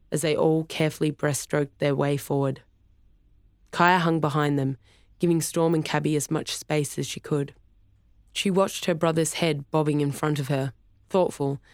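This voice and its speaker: A narrator reading a novel aloud in a steady, even way. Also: mid-range voice, no room sound, clean studio sound. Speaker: audiobook narrator. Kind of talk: scripted narration.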